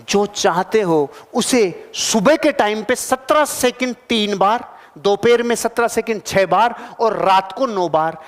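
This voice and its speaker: High-voiced man lecturing in a reverberant hall. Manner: animated, swings between loud bursts and low asides; addresses the audience directly with questions. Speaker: motivational speaker. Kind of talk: live motivational seminar talk. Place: large hall with a live audience. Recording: long reverb of a big hall.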